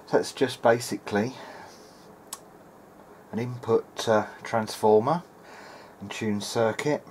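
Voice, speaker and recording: A fairly low male voice takes its time, thinking aloud haltingly. The speaker hosts an informal hands-on electronics session at an indoor workbench as a hobbyist repairer. Workshop room noise is audible behind an otherwise clear recording.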